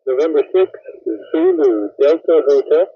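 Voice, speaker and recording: A man's voice: on the high side, huge pitch swings, normal speed, husky, no echo. Man heard over a tinny ham radio. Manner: clipped radio call procedure, phonetic alphabet. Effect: heard over a ham radio receiver. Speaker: ham radio operator in California. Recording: tinny radio audio from a speaker.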